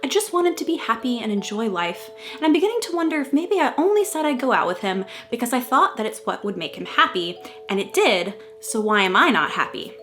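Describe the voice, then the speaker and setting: A young woman in a casual, animated, self-mocking and giggly manner, chatting and reading aloud from an old diary. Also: on the high side, fairly quick, faint music behind. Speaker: vlogger.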